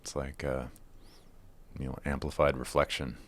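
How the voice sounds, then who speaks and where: Very deep-voiced man chatting casually. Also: monotone, moderate pace, fairly bright tone. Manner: informal, peppered with "like" and "you know". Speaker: podcast guest. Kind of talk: casual interview chat.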